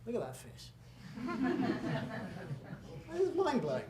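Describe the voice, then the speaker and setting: Lecturing in an echoey hall with faint room noise, a British man delivers a public talk with slides as a guest lecturer. His voice is a little high at normal speed, and his manner is conversational and emphatic, peppered with asides and self-corrections.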